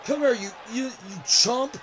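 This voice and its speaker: A man's voice: very high-pitched, unhurried, voice pushed up. A man doing a snarling vengeful wrestler. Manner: snarling threats. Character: vengeful male wrestler attacking from behind. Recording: loud crowd and game noise.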